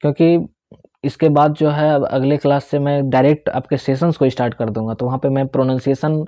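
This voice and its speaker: Dry, mellow-voiced male teacher. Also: medium pitch, fairly even intonation, a little fast, no echo. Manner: explains step by step, repeats key words, checks in with "theek hai". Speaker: English vocabulary teacher. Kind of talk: Hindi-English lesson explaining pronunciation.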